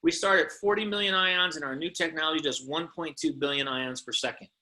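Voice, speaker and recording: Here a company presenter pitches products informally, his delivery emphatic and insistent and often broken up by rhetorical questions. His voice is a little high, steady, fairly quick and bright, with a forceful tone. The recording quality is low.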